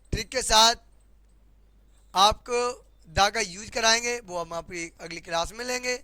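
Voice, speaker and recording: A man's voice: sits high, sharp tone, clear, resonant tone, no room sound. A man with a Hindi accent teaching English grammar in a classroom lesson, often repeating questions to his students.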